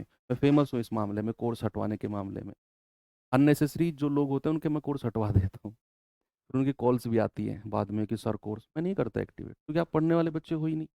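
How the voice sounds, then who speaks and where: Man, online maths teacher, smooth resonant voice, dry close recording. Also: dry recording. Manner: lively teacher, asks the class questions and answers them himself; drops to low, quiet complaining when scolding students. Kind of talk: live online maths class.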